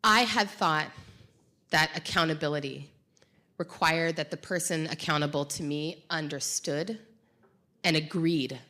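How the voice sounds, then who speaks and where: A woman with a low voice speaks during a live stage conversation. She is thoughtful and searches for her words, often pausing on fillers. The live sound is a little uneven. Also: sharp tone. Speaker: podcast co-host.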